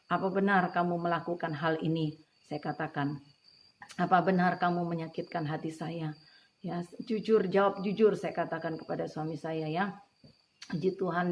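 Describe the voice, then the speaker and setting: A woman's voice: lowish voice, creaky, darkish tone. Woman giving an emotional church testimony. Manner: emotional retelling with frequent "ya" and "puji Tuhan"; addresses listeners as beloved brothers and sisters. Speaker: testimony speaker.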